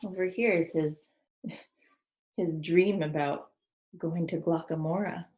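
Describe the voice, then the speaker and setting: In an echoing, roomy recording, a woman whose voice sits fairly low reads a children's storybook as a teacher would. She is expressive and unhurried, offering explanations and posing questions to her audience.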